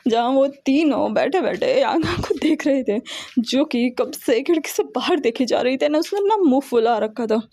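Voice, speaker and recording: A woman narrating and explaining a story in a steady storytelling manner, mixing in English connectives. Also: high-pitched, normal speed, dry recording.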